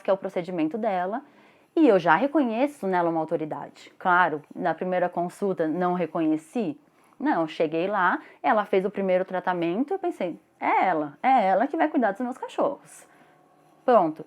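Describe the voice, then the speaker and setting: A woman lecturing at a steady mid-range pitch. She is animated and jumps high when she tells stories. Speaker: instructor.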